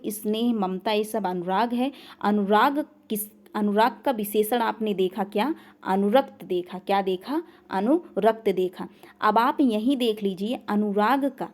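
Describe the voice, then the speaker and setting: High-voiced woman teaching a grammar class. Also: a little mellow. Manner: repeats questions and makes the learner answer back. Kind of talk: online class lecture.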